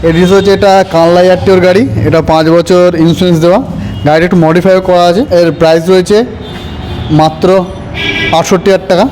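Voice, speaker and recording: A man with a West Bengal Bengali accent giving an unscripted used-bike sales pitch, with insistent, repetitive patter that pushes bargains. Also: flat delivery, fast talker, darkish tone, poor audio. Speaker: used motorbike dealer presenting his stock. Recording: some background noise.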